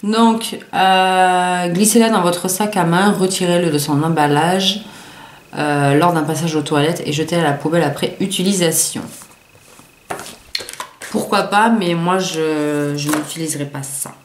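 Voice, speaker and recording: A woman with a low voice talks casually through a beauty unboxing, stumbling over words and filling pauses as she reads product blurbs aloud. The room adds a noticeable echo, with a faint hiss of background noise. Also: fairly even intonation. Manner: chatty, hesitant, many fillers and restarts, reads product blurbs aloud. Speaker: beauty vlogger.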